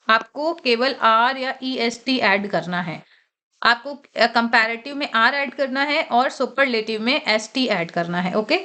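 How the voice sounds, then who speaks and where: A woman with a high voice gives an exam-prep grammar lecture. She reads each rule out slowly and then explains it in a steady classroom manner, pausing to ask "okay?". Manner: reads English rules slowly, then explains in Hindi with frequent "okay?" checks. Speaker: English grammar teacher.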